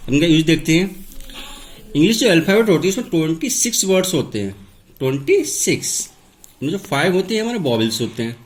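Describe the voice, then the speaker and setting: Male grammar teacher, slightly high voice, quizzes the class and answers himself. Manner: asks questions and answers them himself; repeats key words slowly. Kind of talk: classroom lesson, step-by-step explanation.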